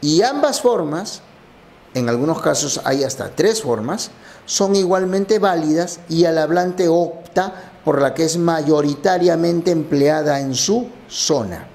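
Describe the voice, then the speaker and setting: A man's voice: a little high, unhurried, a little mellow. A man teaching a language lesson, explaining exam answers step by step.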